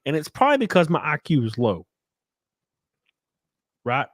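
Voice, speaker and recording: This streamer's voice sits on the high side and swings hugely in pitch at a moderate pace. Casually chatting on his livestream, he reads donations and thanks donors in a rambling, foul-mouthed way while sniffly and a bit tipsy, recorded cleanly in a studio with no echo.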